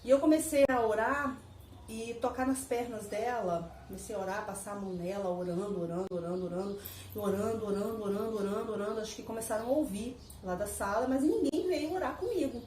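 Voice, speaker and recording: A woman casually telling her viewers a personal story, animated and repetitive, laughing as she goes. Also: medium pitch, fairly quick, slight background noise. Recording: echoey room, mic at a distance.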